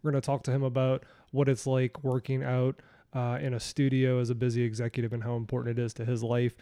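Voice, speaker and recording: A man's voice: medium pitch, monotone, fast, mellow, echoey room. A man hosting a podcast in casual chat, teasing and telling stories with energy. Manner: upbeat, teasing, storytelling. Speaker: podcast host.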